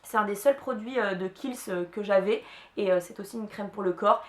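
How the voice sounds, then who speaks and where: A woman's voice: medium pitch, moderate pace. Chatty woman vlogging in an echoey room. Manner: chatty, many hesitations and restarts. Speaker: beauty vlogger. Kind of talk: casual product chat to camera.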